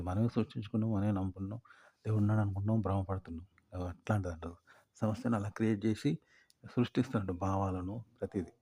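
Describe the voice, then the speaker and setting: A man's voice: lowish voice, mellow, no echo. A man explaining ideas in a casual, rambling monologue, repeating his points through everyday examples. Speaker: YouTube commentator.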